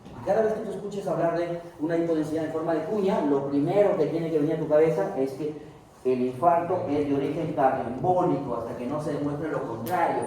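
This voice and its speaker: A man giving a recorded medical lecture, asking and answering his own questions in an animated way. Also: fairly high pitch. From Peru. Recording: echoey room, distant mic, faint noise.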